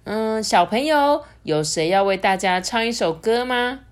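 Woman, storybook read-aloud to a child, lively, chatty, at home. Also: unhurried. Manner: lively, switches into high squeals for the characters. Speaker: parent reading a picture book aloud.

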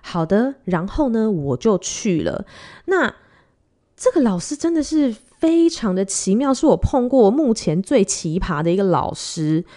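Taiwanese woman, late 30s, podcast host, animated storyteller with a wide, lively pitch. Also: measured pace. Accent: Taiwanese Mandarin. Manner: chatty, animated, acts out quoted dialogue. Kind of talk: casual storytelling monologue.

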